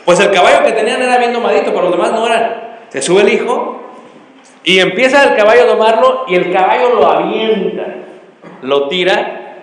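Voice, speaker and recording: A man's voice: high-pitched, normal speed. A middle-aged man preaching a storytelling sermon and quizzing the congregation with fill-in questions. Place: church hall. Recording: echoey hall with long reverb.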